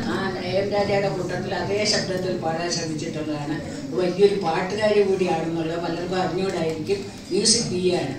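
Woman giving a speech in an echoey hall. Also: fairly low pitch. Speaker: guest speaker. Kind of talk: celebration speech. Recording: echoey hall, far from the mic, crowd.

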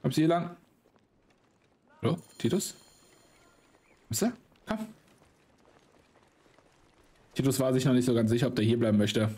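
Excitable, slangy gaming host man. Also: medium pitch, measured pace, long pauses, breathy edge. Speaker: let's play host. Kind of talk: casual gaming commentary.

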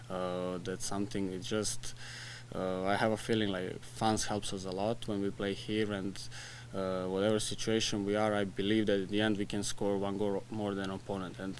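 A young man and soccer player answering questions at a post-match press conference, speaking in short, halting phrases with restarts and soft laughs, into a desk mic in a press room. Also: fairly low pitch, a little hiss or hum. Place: press room in front of a sponsor backdrop. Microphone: desk mic in front of him.

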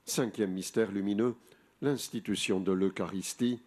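A man in his sixties, a priest, leading the rosary and a spoken meditation in slow, measured recitation at an outdoor grotto, speaking into a lectern mic. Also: on the low side, steady tone, a little mellow. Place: outdoor rock grotto shrine. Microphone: boom mic on a lectern.

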